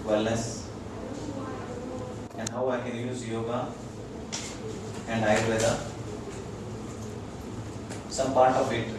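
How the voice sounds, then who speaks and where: Speaking slowly with frequent pauses, this man has a level, mid-range voice and an Indian accent. He's a doctor giving an informal integrative medicine lecture to a small group, repeating short phrases and making sure they keep up; the audio is echoey, noisy and picked up from a distance.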